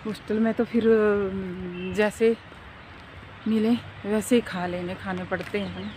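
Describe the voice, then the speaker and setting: A middle-aged woman chatting casually as she walks through a park and films a vlog on her phone. She tells stories in an animated way and keeps asking her listeners to agree. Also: mid-range voice, a little slow, slight background noise. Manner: animated storyteller. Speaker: vlogger and mother. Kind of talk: casual walking vlog chat. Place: outdoor park on a foggy day.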